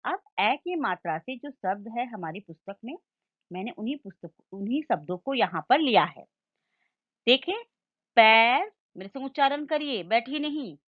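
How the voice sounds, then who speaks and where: A woman teaching a Hindi lesson, reading out word lists slowly and clearly, asking listeners to repeat each word after her. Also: a little high, animated, dry recording, muffled recording. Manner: slow, clear, drilling word lists aloud for repetition. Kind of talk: online classroom lesson.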